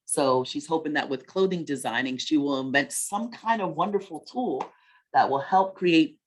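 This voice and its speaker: Her voice sits low and moves at a normal speed, with a little hiss or hum in the background. She hosts a children's story time webinar, speaking conversationally and encouragingly, like a teacher asking leading questions.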